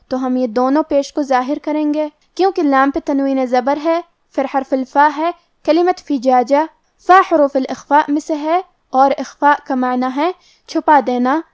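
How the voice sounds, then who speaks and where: A woman with a high, light voice gives a recitation lesson, working through each letter's pronunciation rule in order. Her voice is recorded close and dry, with no room sound around it. She speaks in a steady, instructive way. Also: no room sound. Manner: methodical, explains each letter rule step by step. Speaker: Quran recitation teacher. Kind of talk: tajweed lesson, explaining pronunciation rules.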